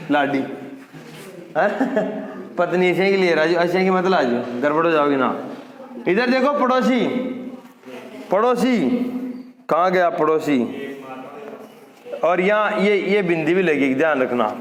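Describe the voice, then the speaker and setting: A high-pitched male teacher with a Rajasthani-tinged Hindi accent, drilling correct spellings by repeating each word slowly and firmly. His voice rings through an echoey room with a long reverb tail. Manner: emphatic, repeats words slowly to drill pronunciation. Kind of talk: classroom-style spelling lesson.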